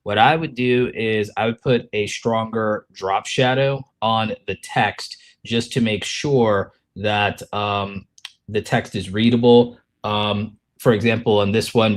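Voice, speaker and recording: A man with a fairly low voice hosts a casual livestream. He gives commentary and advice in a halting, conversational way, pausing often as he works through his points. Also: steady tone. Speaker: livestream host reviewing channels. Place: on site at a conference, away from usual setup.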